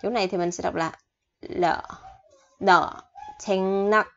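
A woman teaching a vocabulary lesson, repeating each word slowly and then explaining it in a chatty way. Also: on the low side, steady tone, creaky, darkish tone. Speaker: Korean language teacher. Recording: dull lo-fi recording.

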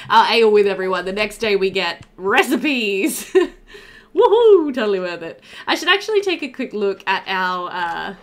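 A young adult woman hosts a gaming video, giving casual, chatty let's play commentary and thinking aloud as she plays indoors at a computer. Her medium-pitched voice is sing-song and a little slow.

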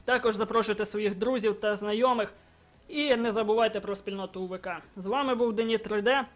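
A young man commenting live on his own football video game match, excitable and bursting into shouts at big moments. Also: high-pitched, a little fast, faint music behind. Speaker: gaming channel host.

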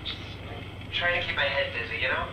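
A man's voice: mid-range voice, brisk, noisy background. An actor playing a frightened lost male hiker, speaking over a walkie-talkie radio and stammering and rambling nervously. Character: lost male hiker chased through the forest. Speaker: game character. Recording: roomy distant game audio with music.

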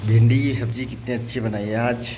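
A man's voice: mid-range voice, little pitch movement, a little fast, noisy background. A young man chatting to viewers while filming his family's day at home. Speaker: vlogger, husband. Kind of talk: casual home vlog. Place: home, indoors.

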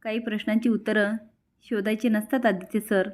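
A woman's voice: mid-range voice, little pitch movement, brisk, a little mellow, close to an everyday voice. A woman voicing a shy young housemaid from a village who talks in a rustic, modest but stubborn way.

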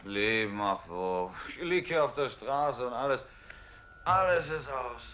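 A man giving a dramatic reading of a stage play, speaking as a bitter, despairing soldier, often hushed and at times rising to anguished cries. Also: medium pitch, animated, measured pace, muffled recording, slight background noise. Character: Beckmann, despairing war-returned man.

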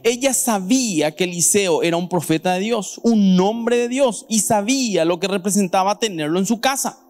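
A man with a Paraguayan Spanish accent preaching a sermon as pastor at a church service, animated and questioning the congregation directly. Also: high-pitched, moderate pace, soft background music.

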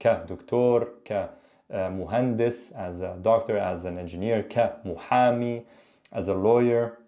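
A man's voice: fairly low pitch, measured pace, mellow. A man in his thirties giving casual reaction commentary and language tips in a conversational, explanatory way. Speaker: host, Arabic teacher. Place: small indoor room.

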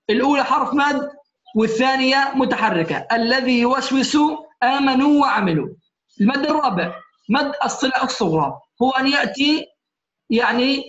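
High-voiced man teaching in echoey room. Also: fairly bright tone. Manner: patient, keeps checking "alright?" with students. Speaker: Quran recitation teacher. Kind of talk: classroom lecture. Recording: echoey room, muffled lo-fi sound.

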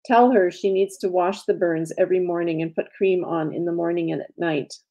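Clinic nurse, female, caring and earnest, warm low voice, read by a woman. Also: fairly even intonation, brisk.

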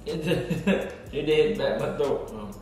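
A man's voice: fairly high pitch, slow pace, far from the mic. A man co-hosting a snack-tasting vlog, talking while chewing in a laid-back, slangy way. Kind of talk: casual snack-tasting chat. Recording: very echoey room, off-mic, loud music behind.

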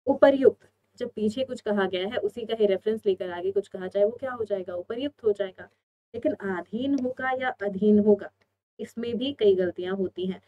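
A woman's voice: medium pitch, moderate pace, muffled recording. Woman teacher quizzing and answering herself. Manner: explains step by step, asks and answers her own questions. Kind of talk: online exam-prep Hindi lesson.

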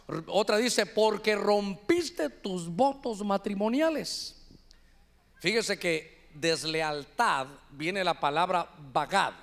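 A man with a Honduran accent preaching a sermon to his church, animated, often calling the listeners "hermano". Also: high voice. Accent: Honduran Spanish. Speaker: pastor.

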